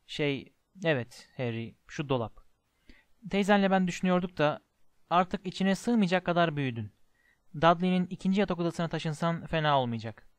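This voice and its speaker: A man voicing a blustering, bullying middle-aged uncle who snaps and shouts. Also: a little high, animated, moderate pace, no room sound, lightly acted. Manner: gruff shouting and snapping.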